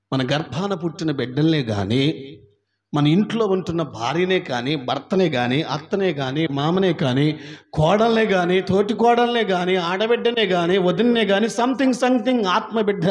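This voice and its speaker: A male pastor with an Andhra Telugu accent, preaching a sermon and calling on the congregation to repeat after him. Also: sits high. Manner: calls on the congregation to repeat, rising to shouts.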